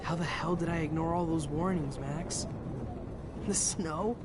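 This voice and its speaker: A man's voice: a little high, unhurried, heavy background noise, natural voice. An actor playing a dejected, self-blaming man in a dramatic game.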